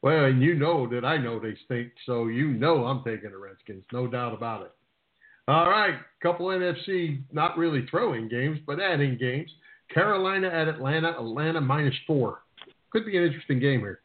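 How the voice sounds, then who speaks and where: Over a roomy, phone-like narrowband radio line, an American sports talk host speaks in an expressive, mid-range voice at a moderate pace. He's casual and conversational, rambling a bit and repeating words.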